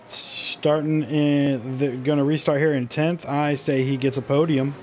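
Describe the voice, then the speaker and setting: A man doing live play-by-play commentary on a sim race, joking and switching quickly between calling the action and banter with his co-host. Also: on the high side, fairly even intonation, a little hiss or hum.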